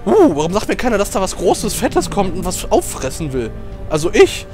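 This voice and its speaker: A young man with a high voice commentating a video game. He talks fast and jokes constantly, rambling from one silly thought to the next. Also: huge pitch swings, music in the background. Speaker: let's play commentator. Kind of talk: casual gaming commentary.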